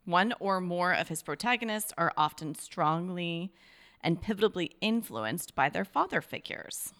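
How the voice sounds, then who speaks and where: A woman's voice: on the low side, expressive, normal speed, fairly bright tone. A woman co-hosting a casual chat, reading facts aloud from notes with fillers.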